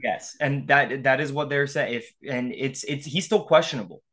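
A man co-hosting a casual sports podcast, getting fired up and swearing, his voice jumping high when riled. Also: moderate pace, a bit bright. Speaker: podcast co-host.

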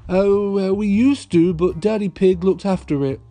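A man voicing a gentle, amused mother pig in a children's storybook, reassuring and sing-song. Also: high-pitched, normal speed, soft background music, pitched above the performer's own voice. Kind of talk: children's cartoon storybook read-aloud.

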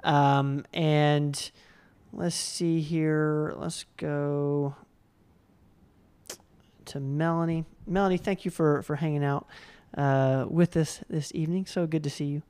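A host reading out viewer questions in a live Q&A, relaxed and friendly with frequent fillers. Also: mid-range voice, slow pace, clear, resonant tone.

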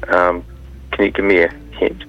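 A man's voice: sits low, little pitch movement, moderate pace, lo-fi sound, soft background music. A man answering quiz questions in a casual podcast chat, with dry, wry remarks. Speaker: quiz contestant.

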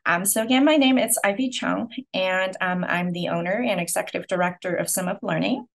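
A woman in her forties from Hong Kong, talking through her career in a relaxed podcast interview. Her voice sits fairly low, and she speaks in earnest, steady answers with frequent small pauses. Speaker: podcast guest, clinic owner.

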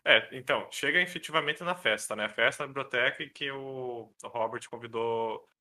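A man discussing a novel chapter with friends in a casual, animated chat. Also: mid-range voice, moderate pace.

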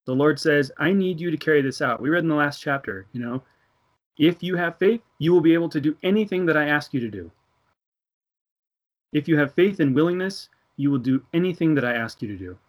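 His voice is a little high and expressive, and his pace a little fast. An American man in his thirties, he earnestly relates a personal faith story in a casual religious discussion, laughing between thoughts and acting out the dialogue.

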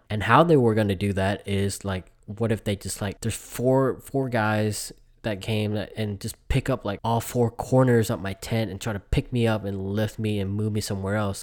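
A man's voice: on the low side, darkish tone. A man in his twenties from Vietnam, a Vietnamese native speaker, hosting his own casual solo podcast and telling a long story with frequent restarts and self-corrections. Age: 20s. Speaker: podcast host.

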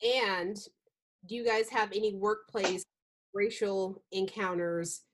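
A woman hosts a podcast in a casual, direct way. She poses questions to her guests conversationally. Her pitch sits in an ordinary middle range. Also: steady tone, takes it slowly, background noise. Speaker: podcast host.

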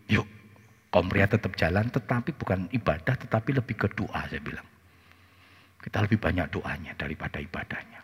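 A male pastor preaching, telling stories in an animated way and often turning to the congregation. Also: sits low, husky, big-room sound. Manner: animated, switches into Javanese phrases, often addresses listeners. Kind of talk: sermon with storytelling.

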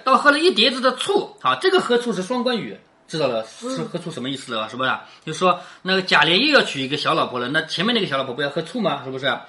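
Woman, teacher, classroom lecture, lively pitch, bright, reads passages and explains, questions to listeners. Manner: explains line by line, keeps checking in with questions.

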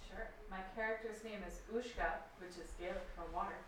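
A woman's voice: mid-range voice, steady tone, fairly quick. A woman in a tabletop game introducing her character in a plain, matter-of-fact way. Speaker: player. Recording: echoey room, distant mic, noise.

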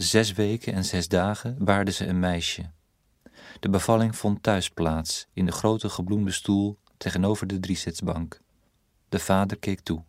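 A man reading a literary story aloud as narrator, in a measured, even storytelling manner. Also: low-pitched, no room sound, clean studio sound. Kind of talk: audiobook narration.

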